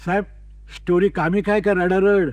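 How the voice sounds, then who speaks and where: A man voicing a calm, cheeky middle-aged washerman who answers everything deadpan. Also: high-pitched, moderate pace, no room sound, natural voice.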